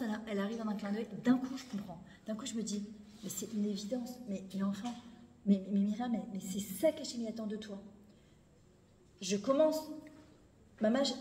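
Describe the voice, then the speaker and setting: Animated woman teaching in an echoey hall. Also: a little high. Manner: animated, emphatic, repeats phrases, mixes Hebrew words into speech. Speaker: Torah teacher. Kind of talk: spoken lesson to a women's audience. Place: lecture hall. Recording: echoey hall, faint background noise.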